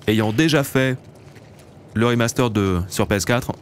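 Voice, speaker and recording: A man's voice: mid-range voice, measured pace. A man in his late twenties hosts a let's play, chatting casually to viewers as he plays. He talks in an easy, loose way. A faint hiss sits behind his voice. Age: late 20s. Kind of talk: casual gameplay commentary.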